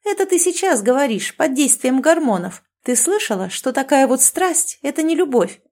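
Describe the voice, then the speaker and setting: A domineering, self-certain woman friend who lectures and orders others about with heavy sarcasm, voiced by a female audiobook reader. Her voice is lifted higher and louder than the narration. Each line lands as a command or a cutting remark. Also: very animated, normal speed. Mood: angry. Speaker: language teacher.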